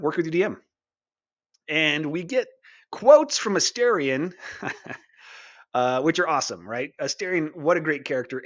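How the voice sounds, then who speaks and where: A man's voice: a little high, fairly bright tone, muffled recording. A man casually explaining tabletop game rules in a chatty way, with frequent fillers and tag questions. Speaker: tabletop game content host.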